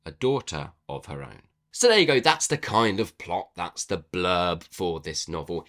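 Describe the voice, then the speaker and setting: A man giving a casual book review to the camera, animated and playful, with self-mocking asides. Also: low voice.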